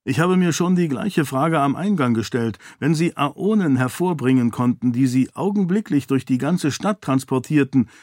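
A man voicing an eager, curious young male leader in an audiobook, speaking a little higher and livelier than his narration. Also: animated, normal speed, few pauses, darkish tone, no room sound, clean studio sound, lightly acted.

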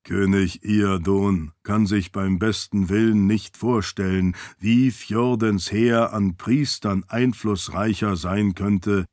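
A man voicing a calm, loyal adviser who speaks low, slow and soft. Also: no room sound, studio quality. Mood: measured. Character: calm, loyal adviser to a princess, deep and measured.

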